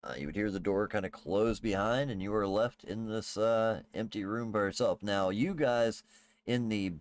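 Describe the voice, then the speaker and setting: A man working as game master, improvising tabletop game narration in a casual, halting way. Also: on the low side, no room sound.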